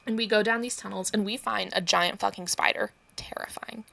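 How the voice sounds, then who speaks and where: A woman with a mid-range, bright, creaky voice and fairly even intonation recaps a tabletop campaign in a forceful but casual way. She swears freely, acts out quoted lines, and slips into quick whispered asides.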